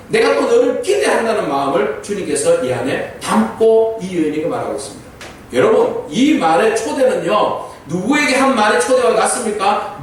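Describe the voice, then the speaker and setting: A man's voice: extremely high pitch, slight background noise. A male pastor preaching a sermon and asking the congregation rhetorical questions. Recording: very echoey church hall, distant mic.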